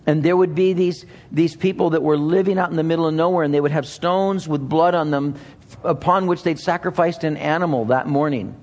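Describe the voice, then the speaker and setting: A man delivers a sermon in a fairly high voice, his words trailing long reverb in a big space. He sounds earnest and emphatic, circling back on key phrases to press them home. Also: fairly even intonation, fairly quick, a little mellow. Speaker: pastor. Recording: reverberant large hall.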